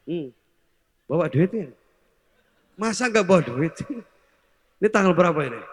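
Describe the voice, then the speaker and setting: Guy preaching w jokes, kinda high voice, big echoey hall w long reverb. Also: lively intonation, normal speed. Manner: joking, crowd-teasing, switches between Indonesian and Javanese words. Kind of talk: comic sermon with singing.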